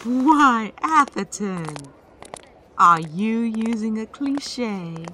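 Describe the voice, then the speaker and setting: A woman's voice: on the high side, expressive, extremely slow, pushed and bright, slight background noise, exaggerated voice. A woman playing a bold, teasing young heroine with a dry, defiant manner in an audio drama. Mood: reassuring, teasing.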